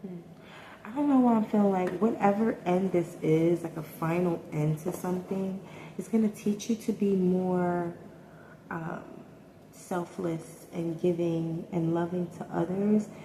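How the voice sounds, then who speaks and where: Woman, lowish mellow voice, hesitant tarot reader, roomy echo with faint hiss. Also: steady tone, unhurried. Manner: hesitant, thinking aloud with many ums and likes. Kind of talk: casual tarot reading. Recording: echoey room with faint noise.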